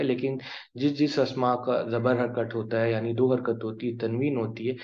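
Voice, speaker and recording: A male teacher explaining grammar in a classroom lesson, drawing out each example word slowly. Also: medium pitch, a little mellow. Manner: slow, drawn-out pronunciation of example words. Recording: dull lo-fi recording.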